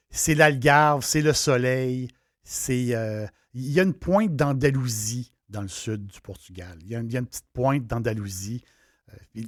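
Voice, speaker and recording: A man's voice: mid-range voice, dry recording, clean studio sound. A man with a Quebec French accent, hosting a casual travel talk and chatting with enthusiasm, often restarting his phrases. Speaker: travel host.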